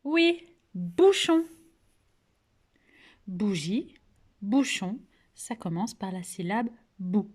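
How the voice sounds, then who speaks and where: Over video, a kindergarten teacher with a French accent gives little children a phonics lesson, taking her time and enunciating every syllable at an unhurried pace. Her mid-range voice is very animated, a little mellow and breathy, and she patiently asks questions and praises responses.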